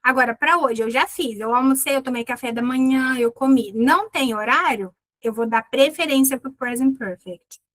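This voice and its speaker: Lively high-voiced Brazilian teacher. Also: female voice, no room sound. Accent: Brazilian Portuguese. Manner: lively, playful, drills words slowly. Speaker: English teacher. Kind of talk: online class lesson.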